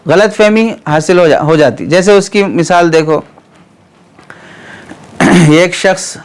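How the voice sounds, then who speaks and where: Man giving a clear-voiced grammar lecture. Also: sits high. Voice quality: clears throat often. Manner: explanatory, asks students rhetorical questions. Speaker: teacher of Arabic grammar. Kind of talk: classroom lecture.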